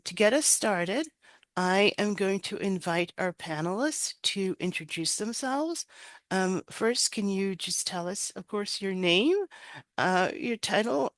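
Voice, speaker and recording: A middle-aged woman hosting a webinar on a video call headset, speaking haltingly with frequent pauses. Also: medium pitch, dry recording, studio quality. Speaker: webinar host.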